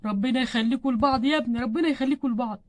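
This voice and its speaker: A woman with an Egyptian Arabic accent voicing a kindly older grandfather who calms and gently chides. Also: high-pitched, racing, very noisy, lightly acted. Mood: reassuring. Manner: calming and gently chiding.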